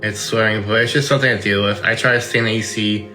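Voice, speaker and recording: A man's voice: on the low side, steady tone, fast, pushed and bright, faint music behind. A man talking casually and explaining as an interviewee, his words slightly blunted by lips that do not fully move, as if numb. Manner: slightly impeded lip articulation, as if numb-lipped. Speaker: interviewee, transplant patient.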